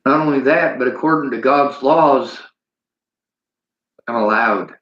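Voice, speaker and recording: A man's voice: medium pitch, a little slow. A man livestreaming a preachy monologue and reading chat comments aloud. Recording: roomy, dull lo-fi sound.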